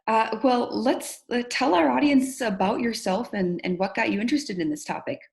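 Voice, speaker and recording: A woman's voice: a little high, normal speed, vocal fry, darkish tone. A woman hosting an online conference interview, introducing her guest and asking questions in an upbeat, enthusiastic manner. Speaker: host.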